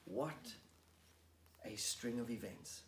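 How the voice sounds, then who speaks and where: A man preacher retelling a Bible story in the first person, animated and lively. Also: takes it slowly, a little hiss or hum. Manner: animated, rises to excited high pitch when tense. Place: church hall. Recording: roomy hall, mic at a distance.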